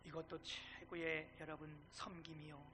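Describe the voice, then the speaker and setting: A middle-aged male pastor preaching a sermon, animated, swinging between loud and hushed and acting out dialogue. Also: fairly high pitch, moderate pace, slight background noise. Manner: acts out quoted dialogue.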